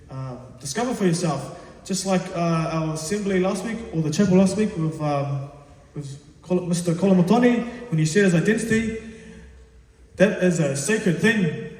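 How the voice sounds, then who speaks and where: A man's voice: on the high side, a little mellow. A man giving an earnest, encouraging school lecture as a teacher, speaking hesitantly like an unpractised public speaker. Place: large reverberant indoor assembly space. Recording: echoey hall, distant microphone.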